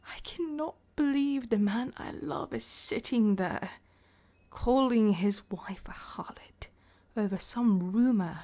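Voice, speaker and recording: In a dramatic fantasy roleplay, a woman plays a proud royal wife who has been betrayed, sounding outraged, wounded and heartbroken. Her fairly high, slightly mellow voice is exaggerated, and she accuses in a breathy half-whisper.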